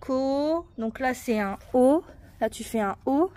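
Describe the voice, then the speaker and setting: A woman with a high, light voice talks a child through a treasure hunt in the garden. She is patient and encouraging and spells words out slowly, letter by letter. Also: animated, dark tone. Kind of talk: casual family video chat. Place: outdoors in a garden.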